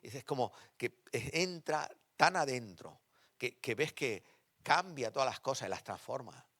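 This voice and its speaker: Preaching man shifting loud and hushed. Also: mid-range voice, unhurried, no echo, clean studio sound. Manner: animated, shifting between loud emphasis and quiet intimate tones. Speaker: pastor. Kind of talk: sermon with personal stories. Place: church.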